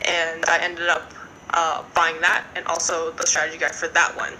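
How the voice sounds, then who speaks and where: A woman's voice: lowish voice, completely flat delivery, moderate pace, sharp tone, a little hiss or hum, poor audio. A woman in her twenties telling a story in casual podcast chat, rambling with lots of fillers.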